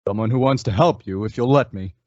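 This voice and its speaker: A man with a lowish voice, close to an everyday speaking voice, plays a calm masked cowboy hero in an old-time western radio drama. He sounds measured and reassuring, and the audio is dry and dull.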